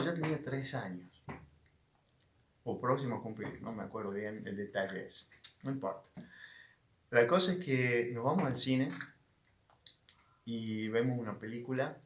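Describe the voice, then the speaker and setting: Argentine pastor telling a story in an echoey room. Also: male voice, medium pitch, a bit bright. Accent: Rioplatense Argentine Spanish. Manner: storytelling, conversational with many restarts. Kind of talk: online sermon with a personal story.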